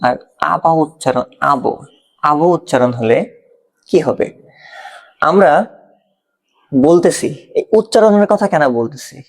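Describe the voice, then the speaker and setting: A man's voice: on the high side, expressive, a little slow, pauses often. A man with a Bangladeshi Bengali accent teaching an exam-prep grammar lesson, explaining step by step and often checking if the learner follows.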